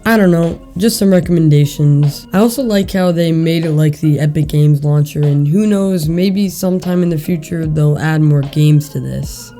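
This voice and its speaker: A young adult video game YouTuber with a mellow, mid-pitched voice and slightly hissy, drawn-out s sounds from being a little under the weather. The delivery is casual news narration aimed straight at viewers, with music playing behind it. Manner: casual, addresses viewers as guys. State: a little sick. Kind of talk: upbeat scripted gaming news narration to camera-less audience. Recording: voice-over with background music.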